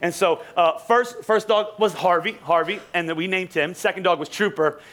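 A young man preaching in a church, his voice pitched high as he tells a rambling, sarcastic story. He stumbles through restarts and throws asides to the people in the pews. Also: moderate pace, fairly bright tone. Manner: joking, sarcastic, many restarts and asides to the congregation. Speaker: pastor. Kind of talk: casual storytelling sermon. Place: church sanctuary.

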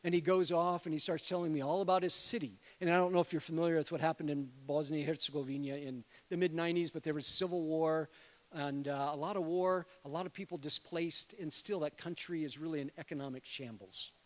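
Middle-aged male preacher, high voice, conversational sermon, long church reverb. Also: fairly even intonation, fairly quick. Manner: conversational, addresses congregation as friends. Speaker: guest preacher, missionary. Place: church sanctuary.

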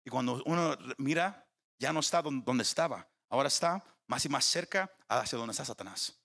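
A male pastor delivers a sermon in a gravelly, bright voice. His pitch rises and falls widely as he builds emphasis, and he trips over repeated words. He keeps asking the congregation whether they are following. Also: animated, brisk. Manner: preaching with rising emphasis and repeated restarts; addresses the congregation with questions.

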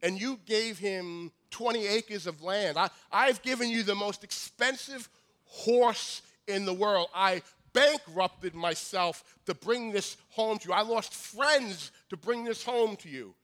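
A man voicing a greedy, anxious nobleman in a sermon story, talking in a rushed, pleading way. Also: on the high side, a bit bright, pitched below the performer's own voice, natural voice.

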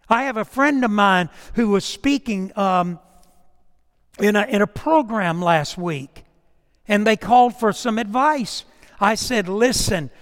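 Preacher, male, higher voice, folksy storytelling sermon, echoing church hall. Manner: conversational storytelling preaching, rising and dropping to a hush.

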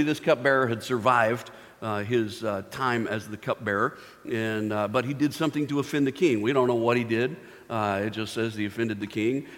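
A male pastor tells a Bible story like a friendly chat, slipping in jokes and lots of fillers. His medium-pitched voice rings out with a long reverb tail from a large hall. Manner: casual storytelling with playful voiced asides and many fillers. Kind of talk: sermon.

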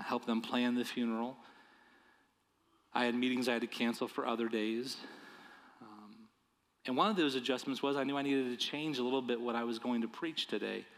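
A man's voice: mid-range voice, a bit bright. Earnest male pastor in a reverberant church. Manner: earnest, repeats words when starting phrases. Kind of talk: sermon. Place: church sanctuary.

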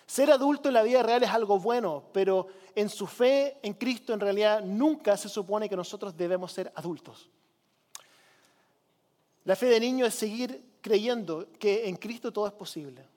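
A man's voice: sits high, moderate pace, darkish tone, big-room sound. A man preaching a sermon as pastor, urging his congregation to repeat lines with him. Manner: preaching with call-and-response to the congregation. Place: church.

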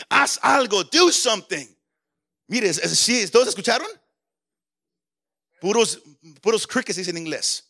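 Man, pastor, impassioned sermon, bright gravelly voice. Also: sits high. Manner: impassioned preaching with frequent stammered repeats.

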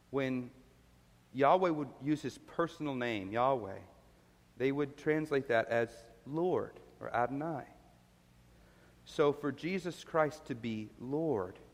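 Male pastor, mid-pitched, earnest teaching sermon, long hall reverb. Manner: earnest, explains word meanings, asks listeners questions.

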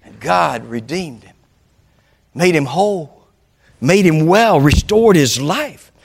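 A man's voice: a little high, expressive, takes it slowly, creaky, breathy edge. A male pastor preaching a sermon, telling stories and calling out to the congregation. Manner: storytelling, calls out to the congregation. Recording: long hall reverb.

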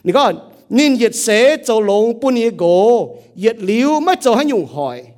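A man's voice: extremely high pitch, big pitch swings, unhurried, a little mellow. A man preaching a sermon as pastor, with a rising and falling delivery.

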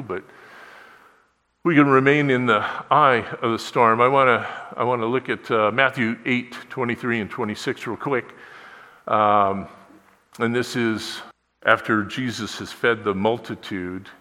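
Male pastor with a sharp, bright tone, conversational sermon full of questions to the pews, echoing church hall. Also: medium pitch. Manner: conversational, asks the congregation rhetorical questions.

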